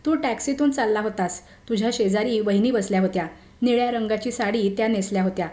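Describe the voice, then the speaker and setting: A woman's voice: mid-range voice, fast talker, dark tone, close to an everyday voice. A woman doing an earnest young friend. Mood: friendly. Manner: grave, earnest warnings. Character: earnest young man, old college friend, serious. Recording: roomy echo.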